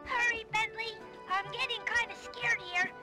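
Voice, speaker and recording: A woman's voice: very high voice, steady tone, moderate pace. A woman voicing an anxious but game young female mouse mechanic in a cartoon video game. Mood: scared. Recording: game music behind the voice.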